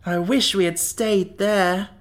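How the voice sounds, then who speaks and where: A reader voicing a timid, gloomy pumpkin-headed man who moans his words slowly. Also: mid-range voice, steady tone, voice pushed up, lightly acted. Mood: moaning. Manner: slow moaning delivery.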